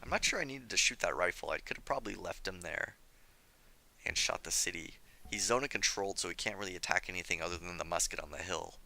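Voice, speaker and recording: Gravelly low-voiced man narrating gameplay. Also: fast talker, pushed and bright. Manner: self-critical, chatty, thinking aloud. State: slightly hoarse, losing his voice. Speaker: gameplay commentator. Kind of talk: let's play commentary.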